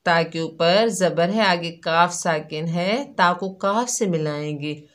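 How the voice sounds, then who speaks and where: A woman teaching Quran reading step by step, calmly explaining each letter and drawing out the demonstrated syllables. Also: fairly low pitch. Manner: patient, drawn-out syllables when demonstrating. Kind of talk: slow step-by-step recitation lesson.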